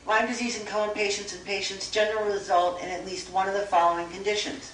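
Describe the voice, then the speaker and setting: A woman's voice: medium pitch, level tone, quick pace, a bit bright. A woman, a naturopathic doctor, giving a lecture to an audience and reading through lists steadily, with a few stumbles and self-corrections. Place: store event room. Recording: echoey room, voice far from mic, faint hiss.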